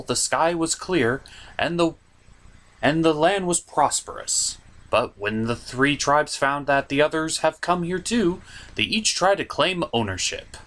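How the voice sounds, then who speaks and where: A man voices a theatrical gentleman puppet, using a raised, swooping voice of fairly high pitch. As a review show host, he delivers scripted comic commentary, exclaiming often and getting exasperated easily.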